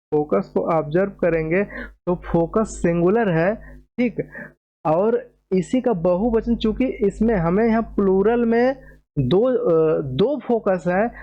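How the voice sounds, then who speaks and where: A man teaches maths in a lecture and works through each step at the board. He repeats key terms and stops often to check that students follow. His voice sits fairly high, and the recording sounds dull and muffled.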